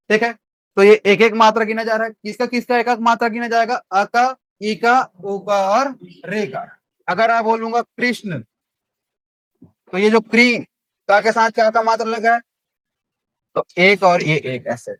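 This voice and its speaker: A man's voice: sits high, a bit bright, dry recording, studio quality. A young man teaching Hindi grammar in a classroom, with a Chhattisgarhi Hindi accent, who asks the class questions and answers them himself.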